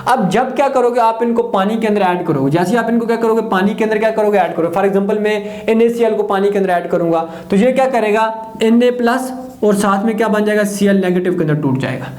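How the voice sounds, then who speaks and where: Man, school lecture, asks and answers his own questions, high voice, echo. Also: fairly quick, darkish tone. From Pakistan. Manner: poses questions and answers them himself; repeats key terms for emphasis. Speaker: chemistry teacher. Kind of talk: classroom lecture. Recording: echoey room.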